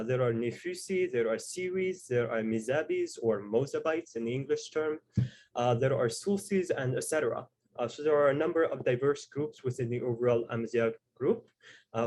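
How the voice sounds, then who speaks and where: A man hosts a panel discussion over a video call. He explains things at a measured pace, often pausing with fillers as he introduces each guest. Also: medium pitch, darkish tone. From Tuareg heritage. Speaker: host and moderator.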